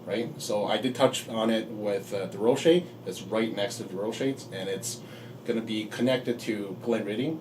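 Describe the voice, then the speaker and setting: A man being interviewed as a home builder, talking in a relaxed, halting way with fillers. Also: lowish voice, distant mic, noisy background. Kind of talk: casual interview.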